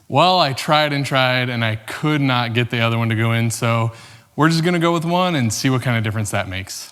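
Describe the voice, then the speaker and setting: A man's voice: medium pitch, a bit bright. Laid-back man in an echoing garage. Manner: laid-back, chatty, dry joking asides. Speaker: DIY car vlogger. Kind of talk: casual how-to narration. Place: home garage.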